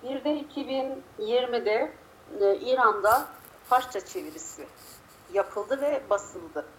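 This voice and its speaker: A woman's voice: on the high side, lively intonation, takes it slowly. A woman poet being interviewed, a little unwell, her voice slightly muffled and strained. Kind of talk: conversational interview with a poetry reading. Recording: clear background noise.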